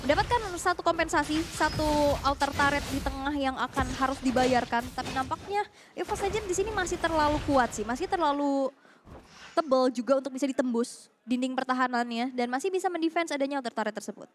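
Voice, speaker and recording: A woman's voice: sits high, brisk. A woman with an Indonesian accent giving live, analytical commentary on an esports match.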